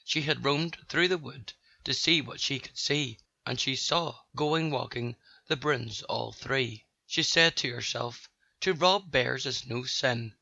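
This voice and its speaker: A man's voice: mid-range voice, a little slow, gravelly, hardly any pauses, no echo. Male narrator for children's rhyming stories, dry and slightly muffled. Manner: steady sing-song rhyme.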